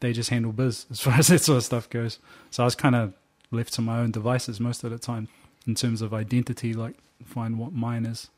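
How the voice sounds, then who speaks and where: Relaxed and quick to laugh, a young New Zealand musician spins slangy stories in a laid-back interview chat. He speaks at medium pitch, fairly quickly, with hardly any pauses.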